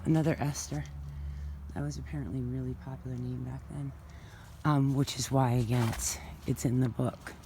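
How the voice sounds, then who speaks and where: A woman's voice: rumbling low, fairly even intonation, normal speed, dark tone, slight background noise. A woman casually walking through an outdoor cemetery in winter and filming on her phone. She is a little out of breath and thinks aloud as she talks, with many fillers. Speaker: author giving a tour.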